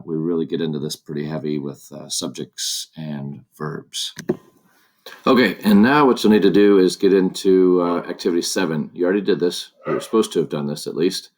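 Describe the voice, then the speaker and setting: A man teaching a Spanish lesson over a screen recording, patiently explaining each step and repeating points as he goes. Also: extremely low pitch. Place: at a desk with a laptop. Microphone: computer mic on a laptop.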